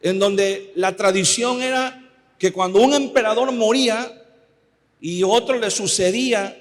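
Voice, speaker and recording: Male pastor, raised voice, conversational sermon, long church-hall reverb. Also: high-pitched. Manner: conversational preaching, keeps asking listeners for agreement.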